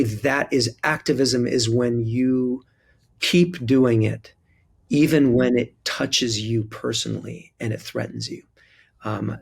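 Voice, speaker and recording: Gravelly-voiced priest talking thoughtfully. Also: male voice, medium pitch. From Israel/Palestine. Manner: thoughtful, hesitant with many fillers. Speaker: Episcopal priest, guest. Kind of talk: interview conversation.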